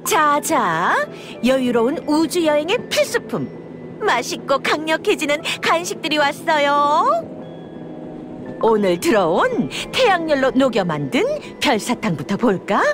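An actress voicing a peppy robot food cart vendor rattling off theatrical sales patter in a game. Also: female voice, high-pitched, very animated, a little slow. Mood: peppy pitching. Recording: music behind the voice.

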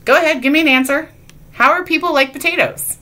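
Speaking fast in a high, pushed, bright voice, a woman runs a playful children's object lesson in a church sanctuary. As the children's sermon leader, she teases the kids and asks them questions.

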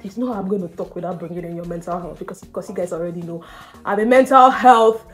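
A woman's voice: fairly low pitch, fast talker. A young woman vlogging to camera in a chatty, emphatic way, laughing often, a little nervous and slightly out of breath. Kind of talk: casual talk to camera.

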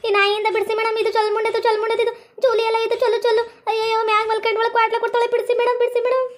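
A woman's voice: very high voice, fairly even intonation, fast, a bit bright. A woman playing a dramatic village woman with a North Karnataka accent, wailing and scolding as she cries for help. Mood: panicked. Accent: North Karnataka Kannada. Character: loud, dramatic village woman locked in a cell.

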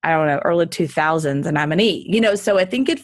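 This Texas-born entrepreneur in her forties talks fast in a low voice with lively intonation, laughing frequently as she shares her story in a relaxed interview. Her accent is neutral, and the studio sound is clean and dry.

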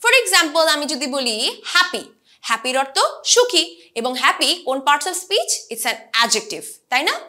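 A young woman gives an online English lesson. Her high, animated voice swings widely in pitch as she slows down to stress each English term. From Bangladesh. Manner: slow, careful stress on English terms, mixing Bengali and English. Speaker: English pronunciation instructor. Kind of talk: online lesson explaining grammar.

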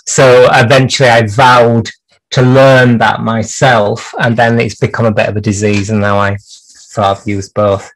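A man's voice: lowish voice, level tone, a little slow, poor audio. A man hosting a clock repair livestream from his workshop bench, chatting through the work with dry jokes and lots of hesitations.

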